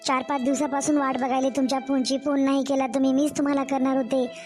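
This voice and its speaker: A woman's voice: sits high, little pitch movement, fast talker, a little mellow, soft background music, lightly acted. A woman with a Marathwada Marathi accent voicing a distressed young mother who complains and pleads in a cartoon story. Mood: pleading.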